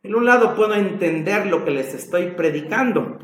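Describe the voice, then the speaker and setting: A man's voice: sits high, expressive, moderate pace, reverberant. A man with a Mexican accent preaching a sermon in a church, dramatic and passionate in his storytelling. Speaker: pastor.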